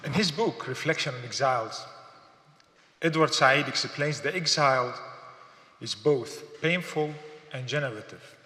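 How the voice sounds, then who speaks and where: A man from Syria speaks at a gallery symposium, thoughtful and halting, with fillers and repeated words. His voice sits at an ordinary middle pitch. The hall is roomy and echoes with a long reverb. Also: pushed and bright. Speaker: artist giving a symposium talk. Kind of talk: public lecture.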